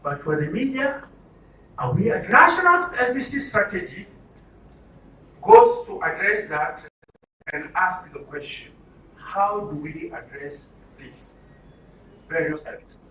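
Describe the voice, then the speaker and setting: A man with a Nigerian accent leads an interactive training lecture in an indoor room before an audience, posing rhetorical questions and repeating answers back. His high, fairly bright voice swings widely in pitch, and he speaks unhurriedly with frequent pauses. The room is echoey, the mic distant, and there is faint noise.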